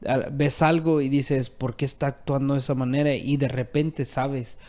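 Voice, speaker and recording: Hombre de pódcast cristiano, fervoroso. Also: male voice, mid-range voice, flat delivery, moderate pace, a little mellow. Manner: affirming, fervent, repetitive emphasis. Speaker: co-host.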